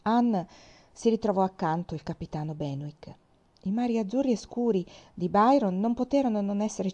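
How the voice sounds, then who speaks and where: A woman narrating a classic novel aloud as an audiobook reader, measured and expressive. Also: medium pitch. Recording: dull lo-fi recording.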